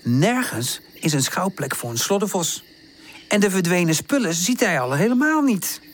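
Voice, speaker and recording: A woman narrating a children's audiobook in an expressive storytelling manner. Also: lowish voice, moderate pace, a little hiss or hum.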